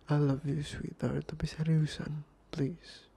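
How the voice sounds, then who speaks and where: A man playing an exasperated boyfriend, mellow and flat. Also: a little high, takes it slowly, gravelly, slightly rough, full character voice. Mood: whispered. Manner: exasperated, insistent, slipping into soft whispers. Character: irritated young boyfriend arguing with partner. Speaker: ASMR role-play host. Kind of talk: ASMR boyfriend role-play.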